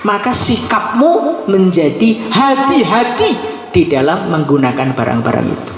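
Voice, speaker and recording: A man giving a humorous religious sermon, joking and swinging between low murmurs and high exclamations. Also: sing-song, unhurried. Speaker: Islamic preacher. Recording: echoey hall with long reverb, faint noise.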